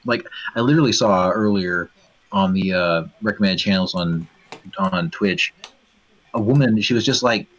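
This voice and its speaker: A man talks through a dull, lo-fi stream mic, his voice husky and rather low. He rants bluntly in casual chat, swearing freely as he goes, and the sound is close and dry. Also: moderate pace, fairly bright tone. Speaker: stream co-host.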